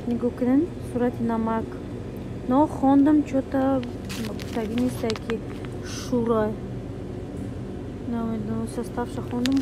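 Woman vlogger, high voice, chatty, mulls things over aloud, grocery store with clear background noise. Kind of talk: casual vlog talk. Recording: noisy shop background.

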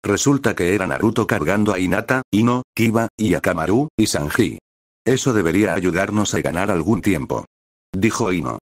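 A man narrating a fan story in an even, steady reading, voicing every character the same way. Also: deep voice, moderate pace, no room sound, studio quality.

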